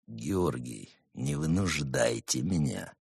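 A man voicing a stern, grim monk who speaks low and quietly menacing. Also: unhurried, breathy edge, no echo, clean studio sound, heavily acted.

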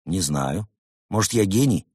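A man's voice: low voice, lively intonation, a little slow, a little mellow, slightly rough, no room sound, clean studio sound, exaggerated voice. A man voicing a brash, joking male cat in a storybook reading, talking in cheeky slang.

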